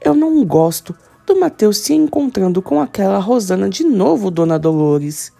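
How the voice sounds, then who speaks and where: Uma mulher lendo as falas de uma esposa italiana ciumenta e amargurada. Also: female voice, mid-range voice, big pitch swings, moderate pace, creaky, mellow, soft background music. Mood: jealous. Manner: jealous, bitter. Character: jealous Italian wife, resentful.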